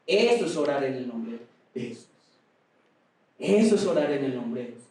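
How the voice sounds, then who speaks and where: A man preaching a sermon with passion, at times raising his voice almost to a shout. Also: mid-range voice, sing-song, moderate pace, slight background noise. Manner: impassioned preaching, rising to near shouts at times. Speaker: pastor. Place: large echoey auditorium. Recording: echoey hall, mic at a distance.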